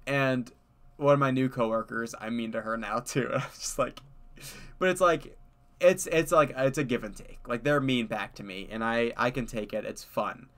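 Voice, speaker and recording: A man's voice: medium pitch, moderate pace, fairly bright tone. Young male streamer, clean ringing voice, casual rambling chat with laughs. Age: young adult. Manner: rambling, laughs often, many fillers. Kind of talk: casual chat while gaming.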